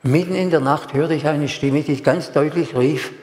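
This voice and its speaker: A man's voice: a little high, fairly even intonation, darkish tone. Older man preaching in an echoey hall. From Germany. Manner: emphatic, repeats words and phrases; slow, solemn delivery. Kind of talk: sermon with personal testimony. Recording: echoey hall, long reverb.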